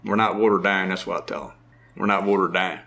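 A middle-aged man with a strong Maryland Eastern Shore accent, a farmer talking casually in an interview with a drawn-out, unhurried way of speaking. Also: low-pitched, fairly even intonation, gravelly, sharp tone. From lower Eastern Shore of Maryland. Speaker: farmer and market owner.

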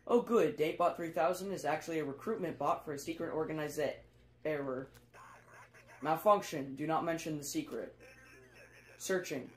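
An actor voicing a malfunctioning male recruitment robot in a video game, speaking in clipped, monotone machine announcements through a robot voice filter while it throws errors and reboots. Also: a little high, normal speed, long pauses. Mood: glitching. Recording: roomy game audio with faint noise.

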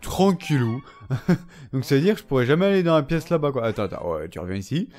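A young man giving casual gameplay commentary, chatting to the characters on screen with sudden excited outbursts. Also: medium pitch, quick pace. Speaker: let's play gamer.

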